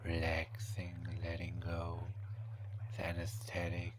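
A man softly whispering a slow, soothing hypnotic relaxation and countdown, in a hushed, breathy, repetitive manner. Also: sits low, monotone. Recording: clearly audible background noise.

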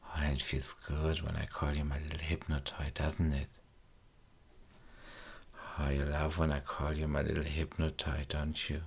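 A man acting as a hypnotist in a trance recording speaks slowly and softly, often dropping into whispers with coaxing, repetitive phrases. His voice is extremely low, monotone, and husky, with vocal fry.

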